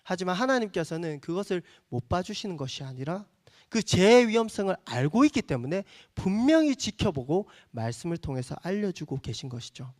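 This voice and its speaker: A man's voice: high-pitched, big pitch swings, a little fast, a little mellow. A male pastor preaching a sermon to young adults, earnest, acting out little asides as he explains the passage.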